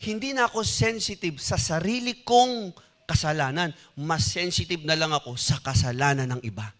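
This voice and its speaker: A male pastor preaching a sermon in a conversational storytelling way, asking the congregation rhetorical questions. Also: very high voice. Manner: animated, mixing in English phrases.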